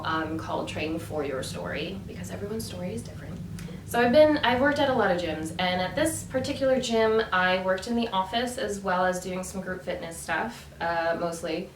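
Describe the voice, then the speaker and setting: In her vlog, a woman with a lowish voice chats and tells stories informally, with plenty of fillers and false starts. The background is noisy, and the recording comes from a distance in an echoey room with faint ambience.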